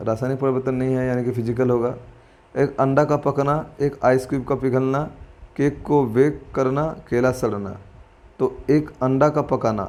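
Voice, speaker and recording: A man's voice: mid-range voice, a little mellow. A man teaching exam-prep lessons, talking informally to viewers as friends, thinking aloud and correcting himself, and mixing in English terms. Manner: chatty and informal, addresses viewers as friends and brother; mixes in English terms while explaining. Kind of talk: exam-prep lesson walking through quiz questions.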